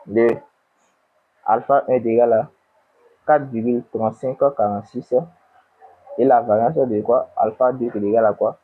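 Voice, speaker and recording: An econometrics tutor with a cold works through an exercise in a screen recording, his medium-pitched, husky voice holding fairly even intonation. He goes slowly, dictating numbers and asking and answering his own questions. The audio is tinny.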